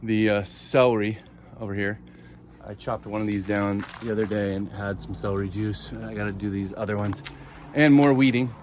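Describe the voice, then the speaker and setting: A man hosting a casual garden tour vlog outdoors, slightly out of breath and rambling with many pauses. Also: fairly low pitch, steady tone, a little mellow, slight background noise. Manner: rambling, with many ums and uhs.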